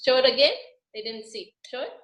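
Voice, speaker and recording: A woman's voice: high voice, lively intonation, fast talker, fairly bright tone. A woman introducing her children on a video call, coaxing them with prompting questions. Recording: echoey room with clicking noise.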